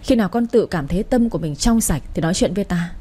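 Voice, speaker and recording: A woman's voice: fairly low pitch, lively intonation, quick pace, dark tone, husky. A woman voicing a stern elderly mother who rules her household, speaking severely and with command.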